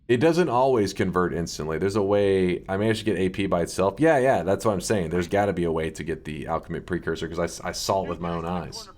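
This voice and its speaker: A man streaming live gameplay on a headset mic, thinking out loud and swearing casually. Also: low-pitched, fast, hardly any pauses.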